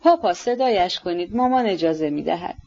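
A woman's voice: lowish voice, animated, a little mellow. A woman voicing a cross young noblewoman who speaks curtly to her parents, on a dull lo-fi recording. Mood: peevish. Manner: cross, curt. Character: peevish young noble daughter.

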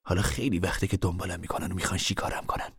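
An actor playing a hunted, bitter male squatter farmer in a radio drama, speaking in a wary, urgent way with a husky voice. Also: deep voice, steady tone, dry recording, clean studio sound.

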